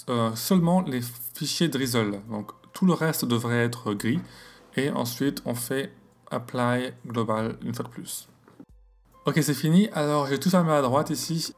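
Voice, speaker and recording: Speaking at medium pitch, the English-accented host walks through astrophotography software in a screen recording. He sounds relaxed but hesitant, often using fillers and correcting himself.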